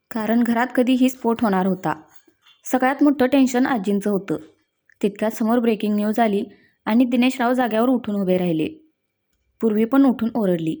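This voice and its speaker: A woman narrates a family drama story in a steady, expressive reading. Her voice sits slightly high with a mellow, soft tone.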